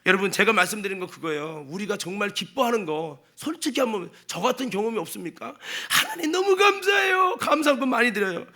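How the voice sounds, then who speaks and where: A male pastor giving a Sunday sermon in a church, emphatic and dramatic, acting out quotes and sometimes shouting. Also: high voice, animated, quick pace, few pauses. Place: church sanctuary.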